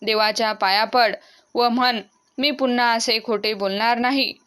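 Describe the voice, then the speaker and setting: A woman's voice: a little high, steady tone, a little slow, a bit bright, clean tone. A woman voicing a loving but firm village mother who scolds her son, in a storybook reading. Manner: firm, admonishing.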